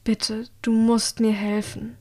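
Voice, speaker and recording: A woman doing a hushed, pleading young woman. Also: a little high, completely flat delivery, takes it slowly. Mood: urgent. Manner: hushed, often whispered pleading.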